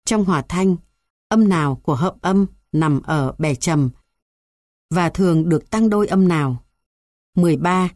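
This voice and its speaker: Lowish woman reading a textbook, dry sound. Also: dry recording. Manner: even, measured reading of numbered points. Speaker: textbook reader. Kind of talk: read-aloud music theory textbook.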